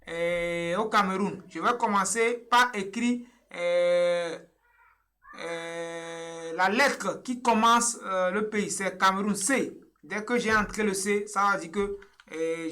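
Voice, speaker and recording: Bright-voiced young man explaining patiently. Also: high voice. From Togo. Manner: patient, repetitive step-by-step explaining with frequent hesitations. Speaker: online tutorial presenter. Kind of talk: screen-share tutorial walkthrough.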